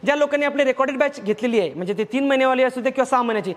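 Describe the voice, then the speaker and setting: A man's voice: very high-pitched, very fast, in a large hall. A man with a Marathi accent teaching vocabulary in a lecture, who repeats words in lists and asks himself questions.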